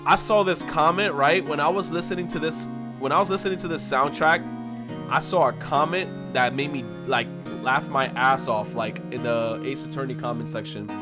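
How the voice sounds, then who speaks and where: A young man livestreaming a game, reading the dialogue aloud, then chatting with viewers in an excitable, profane way, laughing often. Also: on the high side, moderate pace. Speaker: streamer. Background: loud game music.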